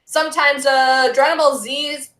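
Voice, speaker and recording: A woman's voice: high voice, fairly even intonation, normal speed, fairly bright tone. A woman who is a guest on a podcast, chatting casually and ranting at length. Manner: ranting, talkative. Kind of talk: casual chat. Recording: roomy echo.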